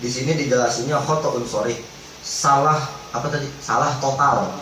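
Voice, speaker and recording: A man teaching Quran recitation rules in a religious study lesson, explaining in relaxed everyday speech and chanting drawn-out recited examples. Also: mid-range voice. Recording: echoey hall, distant mic, faint background noise.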